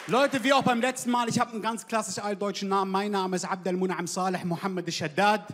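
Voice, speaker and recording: A stand-up comedian with a high-pitched voice delivers a brash, slangy, punchy set into a handheld mic on a large theater stage. His tone is steady and his pace brisk. The live hall is noisy with crowd reactions.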